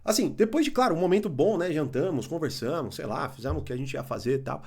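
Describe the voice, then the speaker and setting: A young adult Brazilian man giving blunt, animated opinion commentary, swearing and mocking others. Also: a little high, quick pace, vocal fry, husky. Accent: Brazilian Portuguese.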